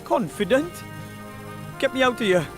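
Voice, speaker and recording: An anxious, earnest boy from a video game, with a high voice for a male. His intonation jumps around over background music. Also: sing-song, normal speed. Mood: alarmed. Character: anxious, earnest young grandson. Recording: music under the voice.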